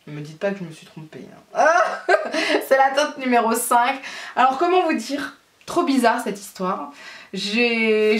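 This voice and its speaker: Young woman, casual beauty haul chat, rambling with laughs, echoey room, distant mic. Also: fairly high pitch. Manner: chatty, laughing, many fillers. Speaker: beauty vlogger. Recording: roomy sound from a distance.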